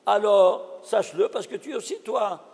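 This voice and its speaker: A man's voice: high-pitched, normal speed, creaky, a little mellow, breathy edge, big-room sound. A man, a rabbi, giving a recorded lesson in an emphatic way, firing rhetorical questions at his listeners. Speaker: rabbi teaching a class.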